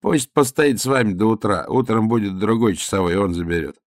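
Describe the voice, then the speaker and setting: A man voicing a crude, stubborn male nomad guard who answers in a slow, contemptuous drawl. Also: fairly low pitch, natural voice. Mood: surly, dismissive.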